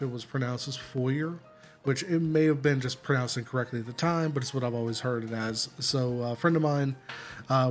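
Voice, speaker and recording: A tired man hosting a gameplay video, giving a relaxed, rambling walkthrough and often correcting himself. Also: mid-range voice. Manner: rambling, self-correcting, apologetic.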